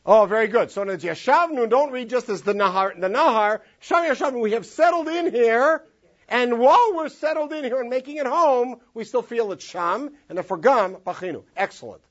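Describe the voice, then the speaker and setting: The clip is a dull lo-fi classroom recording of a man from Los Angeles teaching a text study. His very high-pitched voice moves fairly quickly, and he animatedly sings out phrases in long drawn tones.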